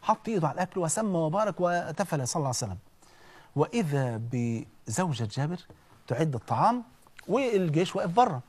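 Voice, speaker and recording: A man with an Egyptian accent preaching in an animated, conversational storytelling way, often checking in with listeners. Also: fairly high pitch, fast talker, slightly rough. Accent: Egyptian Arabic. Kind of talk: storytelling sermon.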